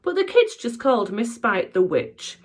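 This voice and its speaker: A woman teacher reading a children's book aloud with playful, expressive delivery. Her pitch rises and falls a great deal as she tells the story and speaks straight to her young listeners. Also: moderate pace.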